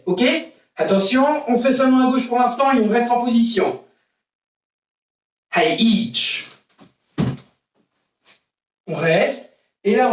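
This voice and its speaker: A man's voice: high-pitched, recorded from a distance. A male karate instructor leads a live online class, barking short counts and commands between patient step-by-step explanations. His voice is heard from some way off the mic. It echoes around a roomy indoor training space.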